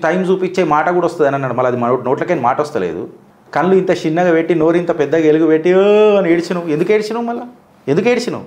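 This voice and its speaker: A man's voice: a little high, a little mellow, echoey room. A man giving combative political commentary, firing rhetorical questions straight at the person he criticizes.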